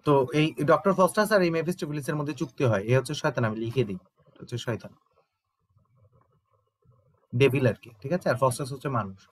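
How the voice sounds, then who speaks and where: A man's voice: medium pitch, quick pace, pauses often. A Bangladeshi man teaching an online exam-prep lesson, explaining step by step and often checking that students understand. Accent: Bangladeshi Bengali.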